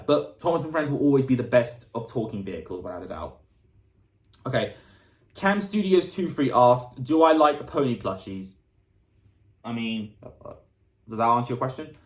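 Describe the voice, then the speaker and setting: A man's voice: mid-range voice, roomy sound. A British man from the United Kingdom, answering fan questions in a casual, upbeat chat, reading each question aloud and often restarting his words.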